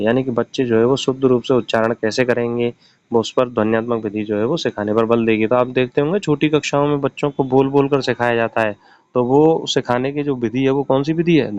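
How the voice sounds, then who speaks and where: A man teaching an exam-prep lesson. He poses a question, answers it himself, and restates each point in simpler words. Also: mid-range voice. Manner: explains each point, then asks and answers his own questions. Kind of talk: recorded classroom-style lecture. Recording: slightly dull, lo-fi audio.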